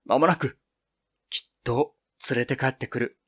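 A man's voice: medium pitch, a bit bright, slightly rough. A man reading the part of Piro, a cheerful, boyish young woman who talks firmly and confidently. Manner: brisk, scolding, confident.

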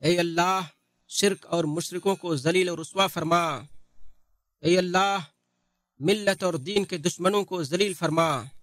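A man reading a translated Friday sermon in a solemn, measured recitation. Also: high-pitched, fairly bright tone, dry recording.

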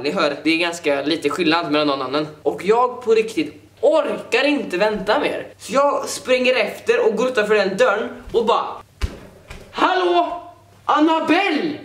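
A teenage boy vlogging, telling stories to the camera in an animated, joking way and apologizing often. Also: sits high, few pauses, reverberant. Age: teens. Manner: animated, jokey, keeps apologizing. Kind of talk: casual storytelling to camera.

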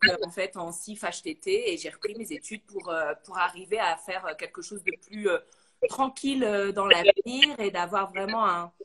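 A woman's voice: medium pitch, bright, forceful tone. A woman speaking as a psychogenealogist guest in a casual live-stream interview, hesitant and full of filler sounds, speaking into a phone. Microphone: phone, later a headset.

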